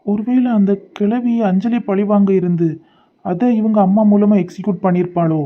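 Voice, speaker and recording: Man doing a cartoon young husband, Kanyakumari Tamil accent, high voice, snappy and exasperated, dull lo-fi sound. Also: fairly even intonation, moderate pace, close to an everyday voice. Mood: worried. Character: young husband, brooding and short-tempered. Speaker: cartoon voice actor. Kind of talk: homemade cartoon voice acting.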